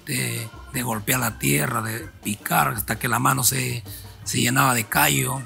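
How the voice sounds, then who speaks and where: A man's voice: medium pitch, fairly even intonation, measured pace, vocal fry, pushed and bright, soft background music. A man, a pastor, tells his testimony vividly and acts out the dialogue. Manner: vivid storytelling, acting out dialogue.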